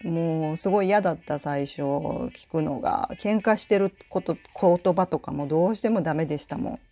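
A woman's voice: deep voice, normal speed, faint music behind. A Japanese woman from Tokushima with a mixed Tokushima and Kansai accent, hosting her own radio talk in a chatty, laughing manner. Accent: Tokushima and Kansai mix. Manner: chatty, animated, laughs often. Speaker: podcast host and color school head. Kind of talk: casual solo radio talk.

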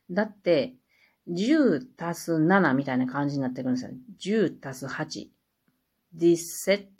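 Chatty woman, slightly husky. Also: low voice. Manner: chatty, laughs at herself, lively asides. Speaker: podcast host. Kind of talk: casual solo talk.

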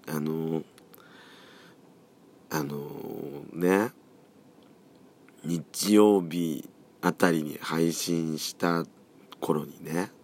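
A hoarse man around forty with a cold, hosting a casual solo podcast, chatty and rambling, often letting his voice drop and trail off. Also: extremely low pitch. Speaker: podcast host.

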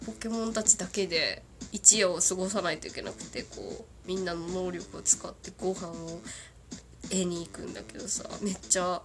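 A woman's voice: lowish voice, fairly quick. A woman in her thirties hosting a casual solo radio chat, giggly and chatty, sniffling with a cold. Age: 30s. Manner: giggly, chatty, doing cartoon character impressions. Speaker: radio show host.

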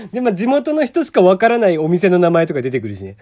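A man from Kagoshima hosts a relaxed solo podcast and keeps it chatty and loose. His pitch rises and falls freely while he talks. He laughs often and leans on fillers. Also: normal speed. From Kagoshima, Japan. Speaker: podcast host. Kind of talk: casual solo podcast talk.

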